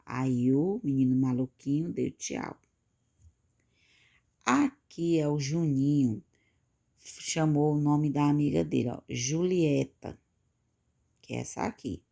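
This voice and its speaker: A woman with a Brazilian Portuguese accent, teaching a remote class to young pupils, explaining slowly and patiently. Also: deep voice, expressive, gravelly, dark tone. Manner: slow, patient explaining, pointing at the book with "ó". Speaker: schoolteacher.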